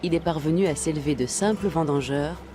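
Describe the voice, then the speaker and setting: A woman reading scripted documentary narration in a measured, even way. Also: low voice, slight background noise.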